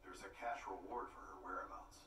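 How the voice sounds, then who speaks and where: Actor playing an earnest protective bar owner, low voice, roomy far-off TV sound. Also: male voice, steady tone, a little fast, over a noisy crowd, close to an everyday voice. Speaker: anime dub actor. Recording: echoey, distant TV audio with music.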